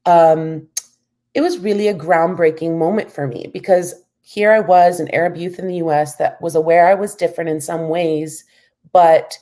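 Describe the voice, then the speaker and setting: A woman's voice: fairly low pitch, steady tone, moderate pace, warm tone. A woman from the United States in her thirties, a professor answering interview questions in a thoughtful, candid way with many "you know"s. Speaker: guest, professor.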